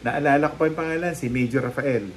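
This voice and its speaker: A man chatting casually as a guest on a live talk show, telling lively anecdotes and acting out the people in them. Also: medium pitch, quick pace, noisy background. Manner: lively storytelling, acting out quoted people, frequent laughs. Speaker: guest storyteller, psychic. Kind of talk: casual chat, animated anecdotes.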